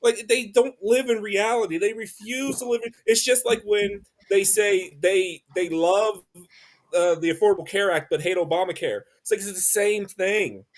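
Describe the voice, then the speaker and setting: A man with a somewhat high voice rants earnestly on a podcast, stumbling and restarting as he builds his point. It sounds like loose, unscripted chat between co-hosts. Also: normal speed. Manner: earnest and ranting, with restarts and fillers. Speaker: podcast co-host. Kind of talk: casual political chat.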